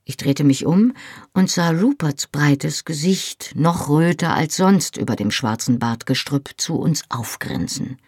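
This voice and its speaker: An audiobook reader narrating a novel in first person, in a measured storytelling manner. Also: medium pitch, animated, darkish tone, breathy edge, no room sound, studio quality.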